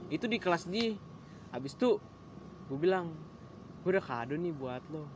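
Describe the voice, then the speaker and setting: A young man, casually telling a story and acting out his shouting friends. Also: on the high side, expressive, moderate pace, background noise. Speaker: guest storyteller. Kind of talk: casual chat.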